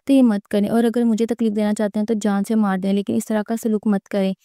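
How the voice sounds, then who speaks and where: Brief: woman voices a frightened young wife, pleading, mellow dark voice, flat tone. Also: mid-range voice, clean tone, dry recording, clean studio sound, close to an everyday voice. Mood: helpless. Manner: helpless, pleading.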